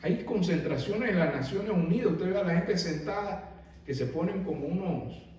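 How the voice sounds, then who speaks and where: A man preaching a sermon as pastor, animated and asking the congregation rhetorical questions. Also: high voice, normal speed. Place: church sanctuary. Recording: very echoey hall, mic far off.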